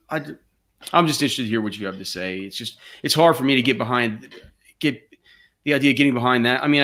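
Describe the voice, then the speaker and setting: A man's voice: medium pitch, a bit bright. A man co-hosting a podcast in casual chat, rambling and swearing freely, often restarting his sentences. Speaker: podcast co-host.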